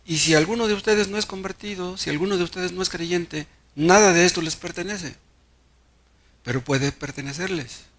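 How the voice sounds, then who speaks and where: A man's voice: sits high, normal speed, a bit bright. A Mexican pastor preaching a sermon, telling stories and asking the congregation rhetorical questions, often repeating words as he restarts.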